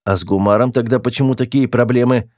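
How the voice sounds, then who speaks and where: A man reading an audiobook, voicing a sly, lazy male spaceman who whines and fakes being ill, slower and lower than his narration. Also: fairly even intonation, darkish tone, no echo, clean studio sound, natural voice. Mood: whiny. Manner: whiny, put-upon and sly.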